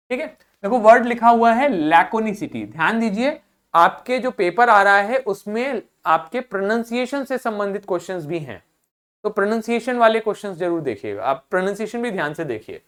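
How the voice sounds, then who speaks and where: A teacher leading an online vocabulary class, with a middle-pitched voice that sits between low and high. They repeat each word slowly two or three times for the students to copy. They keep stopping to check that everyone is following. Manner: often checks in with "ठीक है"; addresses students directly and encourages them.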